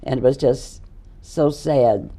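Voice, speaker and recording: Elderly woman in her nineties, hoarse, gravelly fry, mellow dark tone, halting recollection. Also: a bass voice. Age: 90s. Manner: halting, repeats words while recalling. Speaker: interview guest. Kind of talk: casual reminiscing interview.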